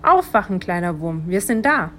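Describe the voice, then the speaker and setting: A woman's voice: lowish voice, very animated, normal speed, a little hiss or hum. A woman voicing a big, kindly male elephant in a children's storybook, friendly and helpful.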